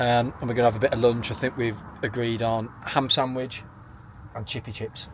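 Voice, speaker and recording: A man's voice: mid-range voice, flat delivery, brisk. A man chatting casually as a travel vlogger, joking and self-deprecating. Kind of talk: casual chat. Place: outdoors and in a van. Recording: loud outdoor and traffic noise.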